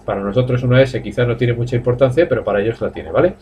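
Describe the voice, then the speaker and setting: A man from Spain with a Spanish accent, teaching a live online English class, explaining in Spanish and modelling slow drill sentences in English. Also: mid-range voice, a little mellow, a little hiss or hum. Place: language academy classroom.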